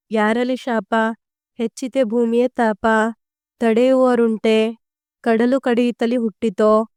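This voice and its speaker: A woman reading out school study notes slowly and deliberately, as a teacher dictating answers. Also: on the high side, mellow, clear, resonant tone, no echo, studio quality. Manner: slow, deliberate, evenly paced reading.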